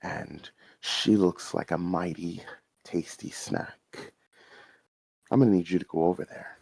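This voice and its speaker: Brief: low, mellow-voiced male game master, casual rambling narration, dry close mic. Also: steady tone, a little slow, creaky, no echo, low-quality recording. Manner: loose, chatty description with fillers. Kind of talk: narrating a tabletop role-playing game.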